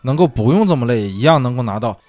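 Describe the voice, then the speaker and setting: A man's voice: mid-range voice, animated, quick pace, a little mellow, dry recording, faint music behind. A man hosting a casual solo talk show, musing aloud in a chatty way with many fillers. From China. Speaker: podcast host. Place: lives abroad.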